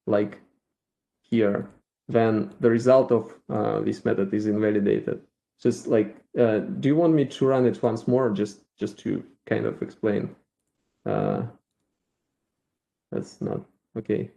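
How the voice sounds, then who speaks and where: A man with a Russian accent giving a live software demo at a meetup, thinking aloud with halting restarts. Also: fairly low pitch, creaky. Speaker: featured speaker at a developer meetup.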